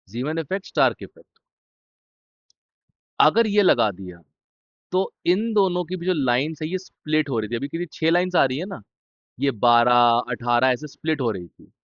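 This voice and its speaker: A man's voice: on the high side, a bit bright, no echo, highs cut off. A man teaching chemistry in an informal exam-revision lesson. He talks straight to students, repeats key terms and drops blunt, joking asides.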